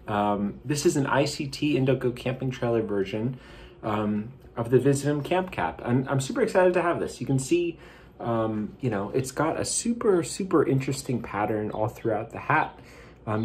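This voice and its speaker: A man's voice: mid-range voice, slight background noise. Upbeat man reviewing a cap, lots of ums. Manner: enthusiastic, many "um" fillers. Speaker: YouTube host reviewing a cap. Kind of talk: casual product review vlog. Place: outdoors, airplane overhead.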